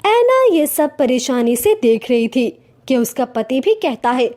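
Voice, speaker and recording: A woman narrating a cartoon story in a plain, steady storytelling manner. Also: high voice, unhurried.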